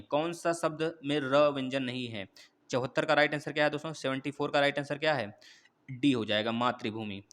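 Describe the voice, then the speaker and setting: A man's voice: mid-range voice, fairly bright tone. A man teaching an exam-prep quiz class, going through questions one by one and coaxing viewers for answers. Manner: repetitive, coaxing, addresses viewers as friends.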